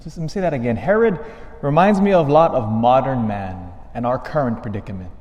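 Reading the Gospel and then preaching at Mass, this priest has an expressive mid-range voice, captured with lo-fi sound. He starts in a measured way before moving into emphatic, rising stresses, all wrapped in the long echo of a large church.

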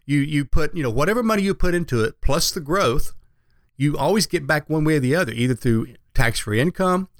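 A man's voice: fairly high pitch, lively intonation, fairly quick, dry recording. Man explaining conversationally, dry close sound. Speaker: financial advisor, radio show regular. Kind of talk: conversational explaining on a radio show.

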